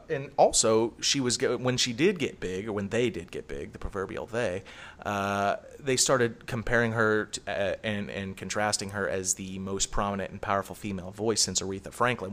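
A man's voice: fairly low pitch, moderate pace, fairly bright tone. A middle-aged man chatting casually on a podcast, telling a story in a rambling, profane way. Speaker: podcast co-host. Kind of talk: casual chat.

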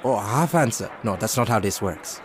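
An actor playing an old retired field agent of the sea, gruff and folksy with old-fashioned phrasing, in an audio drama. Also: male voice, on the low side, animated, fairly quick, a crowd in the background, lightly acted. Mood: gruff, wary. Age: older. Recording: clear outdoor dockside noise behind.

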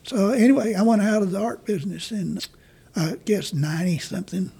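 An older man, an artist being interviewed, telling stories in a rambling, halting way. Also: high-pitched, vocal fry, warm tone, slightly rough. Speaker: artist guest. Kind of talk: casual interview talk.

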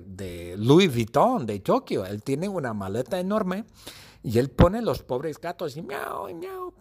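A man telling a simple story as a language teacher, slow and playful, with comic asides. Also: mid-range voice, a little mellow, breathy edge. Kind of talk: comprehensible-input storytelling lesson.

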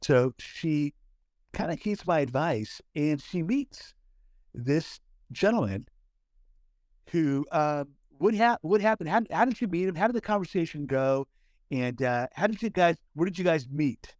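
A man's voice: fairly high pitch, animated, a little slow, a little mellow, no room sound. Upbeat man co-hosting a chatty podcast. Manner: hyping up his friend, frequent restarts. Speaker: podcast co-host. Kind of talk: casual chat, leading the story.

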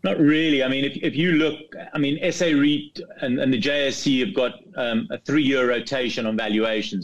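A middle-aged man from Zambia, a company chief in a business interview, speaking haltingly with many restarts and repeated words. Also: medium pitch. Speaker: property fund CEO, guest. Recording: dull lo-fi remote line.

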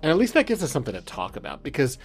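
Rapid-fire and fairly high-pitched, his voice swings hugely in pitch as he hosts a casual podcast. He curses, laughs often, and sometimes reads text aloud while music runs in the background.

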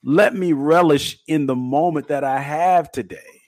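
A middle-aged man co-hosts a podcast talk show, his voice on the high side, a little slow, and a little mellow. He speaks emphatically in a casual, preachy style, often repeating words. The studio-quality recording has no echo.

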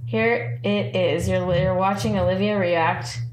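Woman podcaster with vocal fry. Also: mid-range voice, steady tone, measured pace, music in the background, poor audio. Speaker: podcast host. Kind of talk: casual banter.

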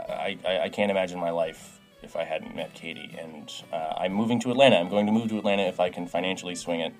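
A man's voice: sits low, steady tone, quick pace, soft background music. A man co-hosting a tabletop podcast who talks in an earnest, rambling, hesitant way. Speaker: player and podcast co-host.

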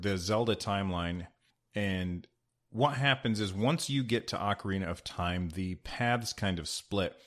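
A man with a lowish voice hosts a podcast on his own, talking in a chatty, rambling way. His voice bounces around an unfinished studio room and comes back with a clear echo. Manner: chatty and rambling, many fillers. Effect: echoey half-finished room. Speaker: podcast host. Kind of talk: casual solo podcast talk.

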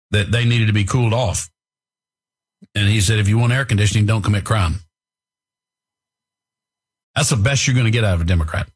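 A man's voice: on the low side, breathy edge. An American man talking as a shock jock radio host, blunt and provocative with emphatic repetition.

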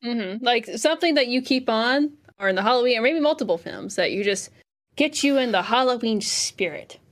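A woman's voice: fairly high pitch, animated, moderate pace. A woman co-hosting a casual podcast, talking enthusiastically and filling her speech with "like". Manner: chatty, lots of "like" fillers, enthusiastic. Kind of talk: casual chat.

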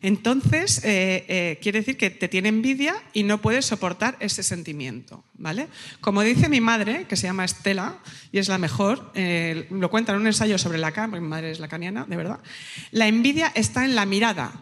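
A woman hosting a live comedy podcast on stage, talking in a lively, mocking way. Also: mid-range voice, normal speed. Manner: lively, mocking, mimics others in quotes. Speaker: podcast host. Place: live stage before an audience. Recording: long hall reverb.

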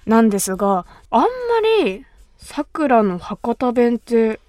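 A woman in her thirties with a Kumamoto accent hosts a casual radio chat. Her voice sits a little high and sounds bright, and she nods along often. The studio mic gives a dry, close sound. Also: measured pace, no echo. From Kumamoto, Japan. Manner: chatty, with frequent backchannel nods. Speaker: radio host. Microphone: studio microphone.

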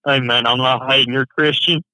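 A man's voice: medium pitch, fairly even intonation, brisk, bright, forceful tone, no room sound, rough recording. A man from Alabama calling into a live podcast, speaking with a thick Southern Alabama accent and a joking, teasing manner. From Alabama, USA. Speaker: caller. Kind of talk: casual call-in banter.

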